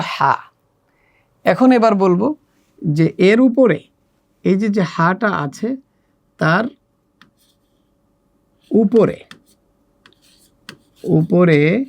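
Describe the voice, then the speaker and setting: A man walking teachers through a children's textbook lesson, explaining each exercise in a measured way with frequent "ah" fillers. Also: on the high side, gravelly, a little mellow. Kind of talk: instructional walkthrough for teachers.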